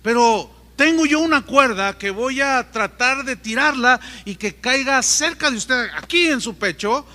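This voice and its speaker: A man preaching, acting out a calm rescuer who calls down reassurances in a raised, higher voice. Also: a little slow, few pauses, long reverb tail, full character voice. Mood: reassuring.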